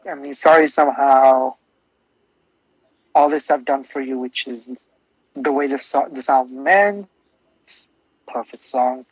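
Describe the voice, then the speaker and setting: A man's voice: mid-range voice, a little slow, pauses often, no echo. Rambling enthusiastic man, dull lo-fi sound. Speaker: podcast co-host. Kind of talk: casual music discussion. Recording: dull lo-fi podcast audio.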